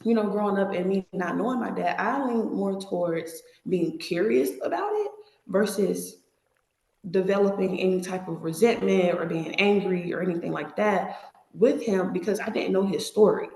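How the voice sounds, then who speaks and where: A young woman talks casually as an interview guest. Her voice has a noticeable creak and bounces off the bare walls of an echoey, empty apartment. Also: medium pitch, normal speed, mellow. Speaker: podcast guest. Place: empty, newly moved-into apartment.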